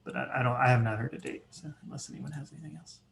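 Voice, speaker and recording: Creaky-voiced man running a meeting. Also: medium pitch, fast talker. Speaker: meeting facilitator. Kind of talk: casual work meeting talk. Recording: faintly noisy meeting call.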